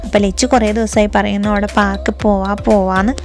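A woman, a mother vlogging her day in a chatty way, trailing off with soft tag words and coaxing her little son in sing-song baby talk. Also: mid-range voice, flat delivery, fast, soft background music. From Kerala, India. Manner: chatty, repeats soft tags like "kettoo". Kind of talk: casual vlog narration.

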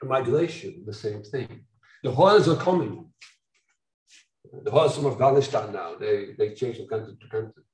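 An older man from Belgium giving an academic lecture, animated and ironic, with mocking asides and sudden loud outbursts. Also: mid-range voice, normal speed. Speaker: university lecturer. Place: lecture hall. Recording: echoey hall from far off.

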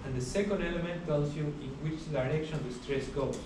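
A young man giving a university lecture in a large hall, explaining steadily with many pauses and uh fillers. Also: on the high side. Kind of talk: classroom lecture. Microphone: far camera at the back of the room. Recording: echoey hall recorded from far off, background hiss.

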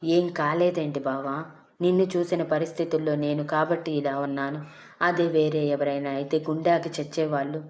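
A frightened young woman, as a woman reads her, pleading and scolding through tears in a storybook. The voice sits low and steady, with little rise and fall. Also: moderate pace, natural voice. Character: tearful frightened young woman, fiercely devoted.

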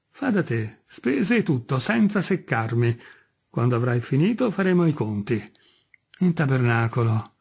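A gruff old landowner, voiced by a male reader, who barks short, scornful questions and brushes off every objection. His voice is husky and rough, and his manner is mocking and impatient. It is a storybook figure from a read-aloud tale. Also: medium pitch, darkish tone, exaggerated voice. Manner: brusque and scornful, barking questions.

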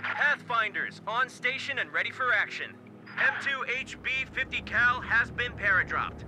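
An actor playing a brisk military announcer in a video game, giving clipped, formal status reports. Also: male voice, very high voice, expressive, sharp tone, exaggerated voice, poor audio. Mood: brisk, alert. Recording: engine and battle noise behind.

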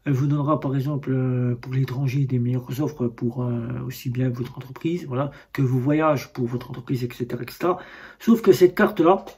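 Un homme qui déballe et commente une carte bancaire sans script, sur un ton hésitant, avec beaucoup d'hésitations et de reprises. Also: male voice, mid-range voice, fairly even intonation, a little fast, darkish tone, husky. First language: French. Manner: hesitant, many fillers and restarts. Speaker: vlogger reviewing a bank card. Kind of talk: casual unboxing talk.

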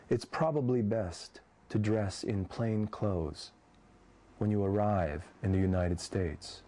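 A man in his fifties, born in Indonesia, slowly reading his poems and talking about his life in a measured, thoughtful way. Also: fairly low pitch, warm tone. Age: 50s. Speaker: poet. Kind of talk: poetry reading and personal account.

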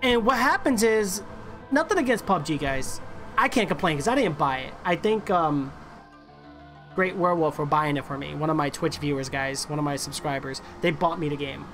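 He speaks fairly quickly in a fairly high, somewhat bright voice. A man in his thirties, he's doing casual gamer-bro chat on a live stream, slangy and friendly with his viewers, from an indoor streaming setup with music playing.

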